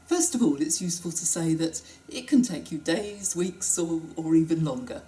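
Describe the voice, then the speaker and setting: A woman researcher walks listeners through a teaching method with lively, guiding explanation. Her voice is low-set and warm, with a mellow tone. Her pitch rises and falls a lot as she speaks. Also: normal speed, low-quality recording. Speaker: university researcher. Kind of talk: instructional explanation.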